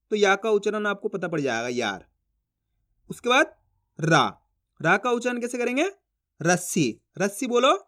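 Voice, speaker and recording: A teacher giving a spoken Hindi alphabet lesson, slowly drawing out each syllable with example words and often checking whether the learner has understood. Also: medium pitch, a bit bright. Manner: keeps checking understanding with short questions.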